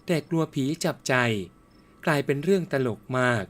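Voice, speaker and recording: A man telling a first-person ghost story in a steady, even storytelling manner. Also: fairly high pitch, normal speed.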